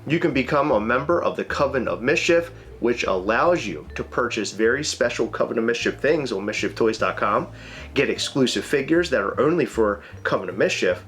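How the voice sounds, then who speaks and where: A man's voice: medium pitch, animated, moderate pace, fairly bright tone. A man co-hosting a casual chat, joking and whiny, and congested with a cold. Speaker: co-host.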